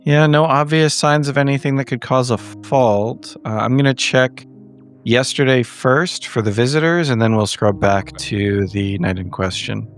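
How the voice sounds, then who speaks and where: A man's voice: mid-range voice, fairly even intonation, measured pace, soft background music. A man playing a tabletop game, talking in character in a matter-of-fact, conversational way. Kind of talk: conversational in-character role-play.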